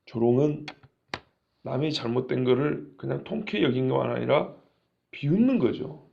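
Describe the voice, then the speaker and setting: Gravelly-voiced male pastor preaching. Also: mid-range voice, normal speed, lo-fi sound. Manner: lively, asks the congregation questions. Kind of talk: sermon.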